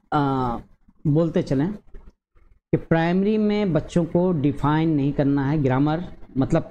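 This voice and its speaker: A male teacher explaining a grammar lesson to teachers and parents, measured, with frequent drawn-out hesitations and slow repeated word pairs. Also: fairly high pitch, warm tone, slight background noise.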